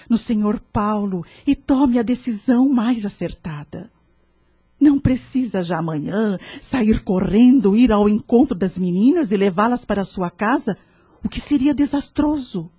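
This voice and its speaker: In a radio drama, an actress portrays a wise, serene woman offering kindly spiritual counsel in a measured, earnest, somewhat preachy manner. Her mid-range voice is warm with a breathy edge, and there's no room sound.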